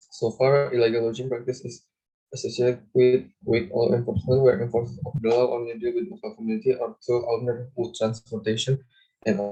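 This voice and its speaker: A young man, a native Indonesian speaker, reading a case study to his class in English, halting and stumbling over words. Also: mid-range voice, warm tone, poor audio. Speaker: student presenter.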